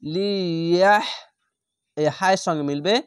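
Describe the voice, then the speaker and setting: Guy teaching quran reading, spells every letter and vowel out slow, bit higher voice, dry close mic. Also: dry recording. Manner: spells out letters and vowel marks syllable by syllable, drawing out sounds. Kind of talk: slow spelled-out recitation lesson.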